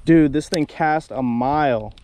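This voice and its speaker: A man's voice: on the high side, a little slow, slight background noise. Chatty man filming his fishing trip. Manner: chatty, talks to viewers as guys, bursts into excited shouts when fish bite. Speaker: fishing vlogger. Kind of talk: casual first-person fishing commentary. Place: outdoors on a lake in a kayak. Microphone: action camera mounted on the body.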